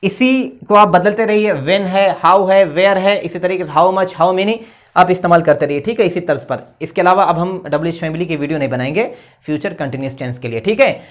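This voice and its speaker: Brief patient low-voiced woman teaching grammar. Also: brisk. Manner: patient, repeats "okay" after each step and spells words letter by letter. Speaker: English teacher. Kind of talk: explaining grammar at a board. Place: indoor classroom with a board.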